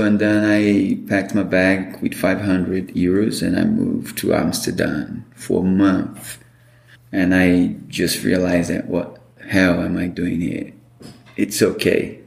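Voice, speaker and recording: Gravelly deep-voiced Brazilian man. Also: slow, reverberant. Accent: Brazilian Portuguese. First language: Portuguese. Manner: animated storyteller, acts out quoted dialogue. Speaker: guest. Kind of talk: storytelling interview.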